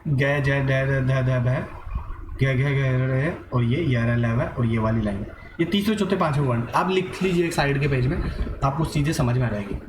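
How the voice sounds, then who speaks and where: A man's voice: mid-range voice, moderate pace, roomy sound, background noise. A man teaching an online grammar lesson, asking and answering his own questions and mixing in English words.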